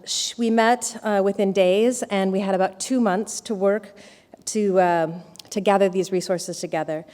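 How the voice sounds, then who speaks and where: Female presenter, mid-pitched voice, narrative talk with "um"s, long hall reverb. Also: darkish tone. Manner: storytelling delivery with hesitant fillers. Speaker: conference presenter. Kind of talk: lightning talk.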